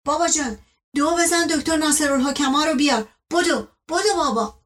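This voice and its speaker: A woman's voice: high-pitched, animated, pitched above the performer's own voice. A woman doing a short-tempered old uncle. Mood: angry. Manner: shouting orders, scolding.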